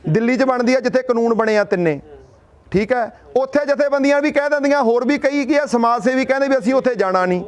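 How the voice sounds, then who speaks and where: Speaking fast in a very high voice, a middle-aged Punjabi man rouses an outdoor protest sit-in. His fervent speech is full of rhetorical questions and homespun stories. He comes from Punjab, India.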